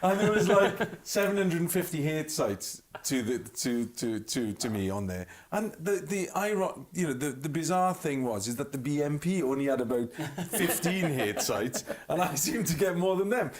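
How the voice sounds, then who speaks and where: A man's voice: a little high, expressive, moderate pace, few pauses, a crowd in the background. A man with a Welsh accent, a singer guesting on a chat show, telling stories with lots of laughter. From Wales. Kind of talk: anecdotal chat show storytelling.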